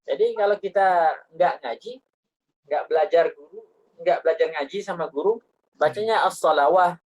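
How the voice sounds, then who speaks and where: A woman's voice: on the low side, darkish tone, poor audio. Woman patiently teaching Quran recitation. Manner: explains patiently, repeats and recites example words slowly. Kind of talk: explanatory religious lesson.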